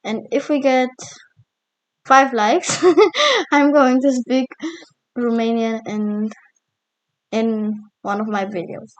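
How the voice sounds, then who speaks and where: A woman's voice: fairly high pitch, long pauses. A woman from the United States with an American accent, a native English speaker chatting casually and rambling in slang over a game. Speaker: video creator. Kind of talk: casual gaming chat. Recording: dull lo-fi microphone.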